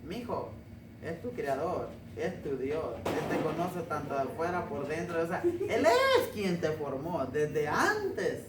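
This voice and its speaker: A man's voice: a little high, big pitch swings, slow pace. Brief: male pastor, chatty joking sermon full of questions, recorded far off in an echoey church with faint noise. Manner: joking, conversational preaching with rhetorical questions. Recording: roomy, distant mic, faint noise.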